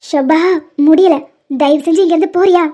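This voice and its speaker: A woman's voice: very high-pitched, normal speed, mellow. A woman playing an angry young mother who scolds and rejects the man who wronged her. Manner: scolding, exasperated. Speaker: female lead. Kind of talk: animated love-story dubbing. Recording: dull lo-fi audio with faint music.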